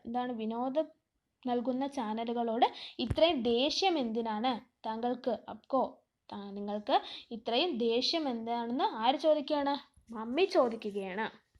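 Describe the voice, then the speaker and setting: A woman with a high voice teaches a class, slowing down to read a line and then quizzing herself on it. She asks a question and answers it right away. The recording is dull and lo-fi. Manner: reads slowly, then explains line by line. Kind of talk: classroom lesson explaining a play.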